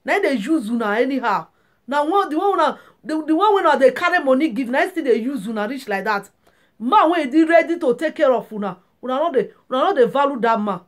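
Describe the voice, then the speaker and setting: A woman's voice: high-pitched, expressive, quick pace. A woman with a Nigerian accent, giving relationship advice in a casual, preachy vlog monologue full of rhetorical questions. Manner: preachy, emphatic, asks rhetorical questions often.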